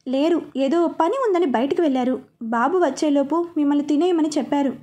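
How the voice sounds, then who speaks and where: A woman's voice: high voice, fairly quick, dark tone, lightly acted. A woman reading as a polite housemaid. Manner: polite, dutiful. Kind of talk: storybook reading.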